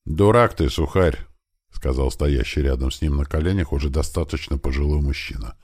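A man reading a first-person audiobook in a plain, steady storytelling manner. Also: very deep voice, a little fast, no echo, clean studio sound. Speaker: audiobook reader.

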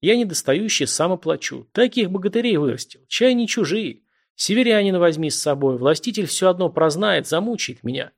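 A man's voice: high-pitched, expressive, a little fast, pitched above the performer's own voice. A man voicing a shrewd, stern middle-aged governor who gives orders in a dry, mocking tone in an audiobook. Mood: commanding. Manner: authoritative, dryly mocking. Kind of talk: audiobook character voice.

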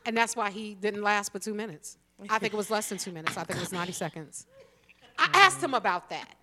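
A woman co-hosting a talk radio show, candid and storytelling, with deadpan asides. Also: medium pitch, fast talker, background noise. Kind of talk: casual frank chat.

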